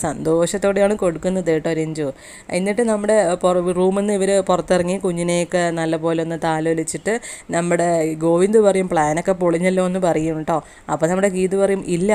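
A woman rattles through a TV serial's episode in quick, chatty retelling. Her voice sits fairly low and sounds mellow and soft-edged. She keeps it casual and conversational throughout. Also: clean tone. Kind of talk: casual spoken episode recap.

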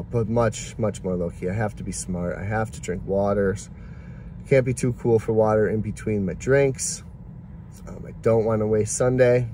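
A man's voice: lowish voice, mellow, a little hiss or hum. A man in his forties talking candidly to a phone camera from inside his car, reflective and rambling. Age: 40s. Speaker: delivery driver vlogger. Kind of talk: casual reflective vlog talk. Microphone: phone camera at arm's length.

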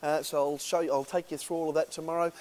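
A man's voice: a little high, flat delivery, fast, darkish tone. A man in his thirties with an Australian accent, an auctioneer giving a casual, upbeat sales walkthrough of a large indoor warehouse, with lots of filler "uh"s.

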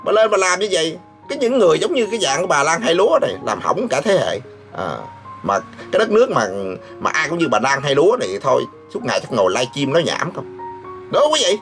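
A man's voice: a little high, sing-song, quick pace, a bit bright, faint music behind. A man hosting his vlog, ranting sarcastically and scolding, breaking into laughs mid-sentence. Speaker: vlogger host. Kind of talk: mocking commentary rant.

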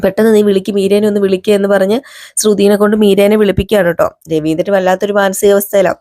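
A woman's voice: medium pitch, level tone, quick pace, warm tone, no room sound, clean studio sound. A woman casually recapping a TV serial episode, chatty and quoting the characters in her own voice. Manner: chatty, quotes characters in her own voice, frequent "ട്ടോ" fillers.

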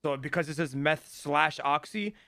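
Bright, forceful man in argumentative game role-play. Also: fairly high pitch, normal speed, creaky, no room sound, studio quality. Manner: argumentative, repeats himself. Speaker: streamer playing a jailed criminal. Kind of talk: improvised game role-play, casual banter.

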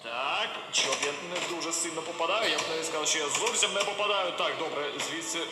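A man commentating on his own war game as he plays, excited and talking to himself in short repeated words. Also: fairly high pitch, fast talker, roomy sound, long reverb tail, very noisy. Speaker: gamer playing a war game. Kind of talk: live gameplay commentary.

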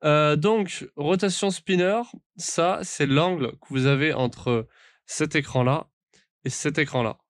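A man's voice: on the high side, takes it slowly, no room sound, clean studio sound. A man walks through a game setup in a casual tutorial, rambling with many fillers and restarts into a desk microphone at his home gaming setup. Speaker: sim racing YouTuber. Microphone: studio microphone at a desk.

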